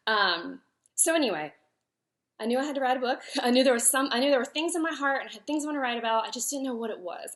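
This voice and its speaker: A woman's voice: medium pitch, vocal fry, a bit bright. A woman in her thirties speaks on a live stream as author and host, talking openly about her life and work. She is emotional and close to tears, her words catching in places. She talks loosely and personally, with plenty of fillers and restarts. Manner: emotional, tearful at times, with fillers and self-corrections.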